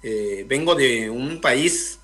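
A man's voice: medium pitch, expressive, takes it slowly, a bit bright. Hesitant young man from Guatemala. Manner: thoughtful, hesitant with many fillers. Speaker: guest filmmaker. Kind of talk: radio interview. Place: indoor room, video call.

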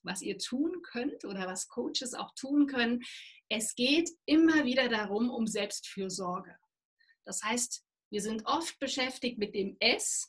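A woman working as a voice and presentation trainer, explaining calmly and instructively in an interview. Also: a little high, breathy edge. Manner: calm, instructive, demonstrates breathing.

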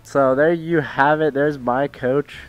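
A teenage gaming YouTuber from Idaho, USA, is sick with a sore throat and rambles casually at home while reading out game settings. His fairly high voice stays fairly even and slow over faint background music, and the rough recording comes through a headset mic with tangled cords.

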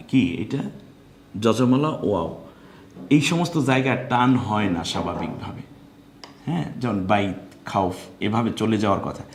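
Bangladeshi man teaching Quran recitation, echoey. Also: mid-range voice. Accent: Bangladeshi Bengali. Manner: explains slowly, then draws out sung example words. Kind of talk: live online lesson. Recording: echoey room with faint noise.

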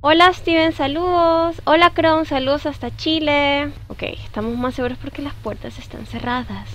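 A woman's voice: high-pitched, fairly even intonation, moderate pace. A young woman streaming a horror game live. She chats to her viewers and shrieks when the game startles her. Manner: jumpy, screams at scares then talks softly to chat. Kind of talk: live gaming stream chat.

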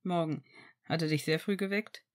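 A woman voicing a gentle, soft-spoken young man. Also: fairly low pitch, steady tone, moderate pace, pitched below the performer's own voice, close to an everyday voice. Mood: tender. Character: warm young husband and father, adult.

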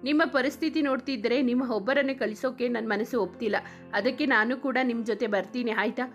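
A woman's voice: a little high, fast talker, muffled recording, faint music behind, lightly acted. A woman reading the lines of a shy, devoted young woman in a story, speaking playfully.

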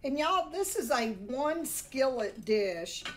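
A high-pitched woman with a Southern US accent walks through a recipe in a folksy, chatty manner. It sounds like a homemade kitchen video, with faint noise behind her. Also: very animated, slow. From southern United States. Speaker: home cook presenting recipes. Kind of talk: casual cooking tutorial. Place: home kitchen, indoors.

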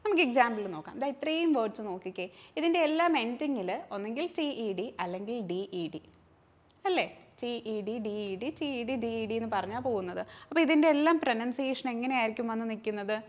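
A woman teaches pronunciation, her voice higher than most and swinging widely up and down. She mixes Malayalam and as she explains the rules. She poses questions and answers them herself, then drills example words slowly. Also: expressive. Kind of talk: classroom lesson mixing Malayalam and English.

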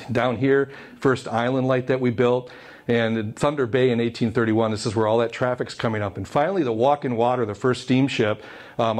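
A middle-aged American man giving an informal, chatty history lecture into a handheld microphone, speaking through a cloth face mask. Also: mid-range voice. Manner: chatty, conversational with asides to the audience. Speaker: public lecturer, documentary filmmaker and historian. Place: indoor meeting room, presenting to an audience. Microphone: handheld microphone held to masked mouth.

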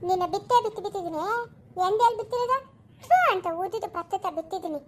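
A woman playing a defiant young village mother who scolds her rival in sharp retorts, in a homemade family drama. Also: very high-pitched, fast, a little hiss or hum.

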